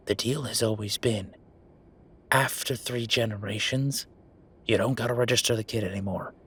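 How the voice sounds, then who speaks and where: In a roleplay audio drama, a man plays an exasperated werewolf official airing grievances to his partner, weary and sardonic, conversational with emphatic pauses. The voice is lowish, fairly bright and a little rough. He sounds irritated as he explains.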